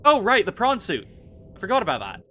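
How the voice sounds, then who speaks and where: A man's voice: high voice, huge pitch swings, brisk, pushed and bright, slight background noise. A man giving casual gameplay commentary, chatty and self-mocking as he thinks aloud. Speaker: gaming video host.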